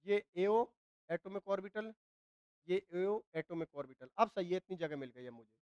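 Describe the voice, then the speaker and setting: A man's voice: high-pitched, lively intonation, normal speed, clear, resonant tone, no echo, lo-fi sound. A male chemistry teacher with a Hindi accent, lecturing at a board with a dry throat and coughs. He asks his students questions, answers them himself and keeps checking in with them. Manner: repeats points, often says "ठीक है ना". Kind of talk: classroom lecture at a whiteboard.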